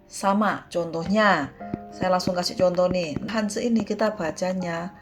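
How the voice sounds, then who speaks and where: A woman's voice: fairly low pitch, fairly even intonation, measured pace, over music. A woman with an Indonesian accent teaching Mandarin pronunciation in a casual online lesson, repeating syllables to drill viewers.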